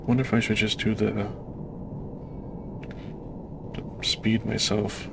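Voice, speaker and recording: A man giving casual, self-deprecating commentary while playing a submarine game, in a monotone way. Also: on the low side, slow, vocal fry. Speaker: gamer playing a submarine sim. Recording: noisy game audio behind voice.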